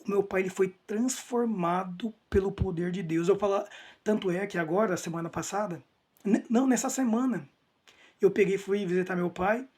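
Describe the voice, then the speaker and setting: A church member gives an emotional personal testimony in a high, husky, slightly breathy voice with a little mellowness. He talks at a normal speed and with real earnestness, repeating key phrases for emphasis. His sentences often break off and begin again.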